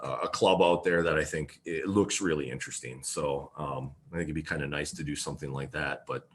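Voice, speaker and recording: A man from Wisconsin with a very low voice chats as a podcast guest. He speaks earnestly and leans on "you know" between thoughts. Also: steady tone, a little fast, a little hiss or hum. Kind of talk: casual podcast conversation.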